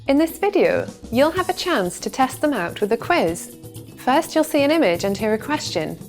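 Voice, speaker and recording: A woman's voice: high-pitched, sing-song, a little slow, soft background music. A woman hosting a language quiz video, addressing viewers in an upbeat way. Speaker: host. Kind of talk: video lesson presenting.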